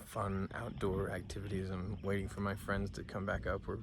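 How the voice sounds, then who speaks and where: Low, flat-voiced young man outdoors. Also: normal speed, background noise. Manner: relaxed, grateful, casual. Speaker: grandson. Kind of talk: birthday video message. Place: outdoors in the mountains.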